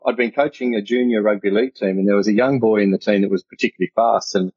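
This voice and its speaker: A man's voice: on the low side, fairly even intonation, fast talker, a little mellow, husky, no room sound, lo-fi sound. A man in his fifties with an Australian accent, a chatty, rambling guest telling stories over a video call. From country New South Wales, Australia. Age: 50s. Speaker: guest coach. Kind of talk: casual interview.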